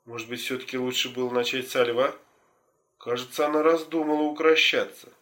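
A man voicing a small boy who wants to be a tamer, speaking in a high, earnest childlike voice. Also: little pitch movement, fairly quick, fairly bright tone, lightly acted. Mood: worried musing.

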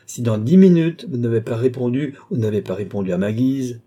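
A man voicing a proud, sharp-tongued woman, a royal favourite, who speaks in a haughty, mocking way. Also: mid-range voice, fairly quick, natural voice. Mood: defiant.

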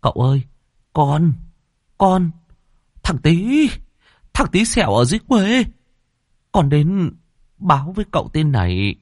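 A man's voice: mid-range voice, sing-song, takes it slowly, a little mellow, no room sound, studio quality, heavily acted. A man voicing a timid young male servant who stammers and pleads humbly. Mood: humble.

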